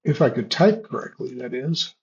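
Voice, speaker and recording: A man's voice: medium pitch, lively intonation, gravelly. Man on a choppy video call. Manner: halting, frequent restarts and fillers. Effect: unstable, cutting-out video call connection. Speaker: host of online Q&A session. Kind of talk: casual explanatory talk on a video call. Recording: lo-fi choppy online call audio.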